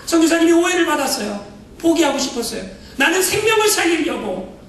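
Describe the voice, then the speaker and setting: A man's voice: extremely high pitch, a little hiss or hum. A man preaching a sermon as a pastor, swinging his voice up and down and acting out voices in his stories. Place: church sanctuary. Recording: echoey church hall from far off.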